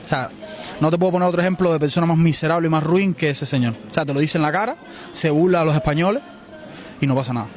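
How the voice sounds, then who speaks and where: Fast and a little high-voiced, a Cuban man in his twenties speaks his mind forcefully in an outdoor street interview in a city, with a Cuban Spanish accent.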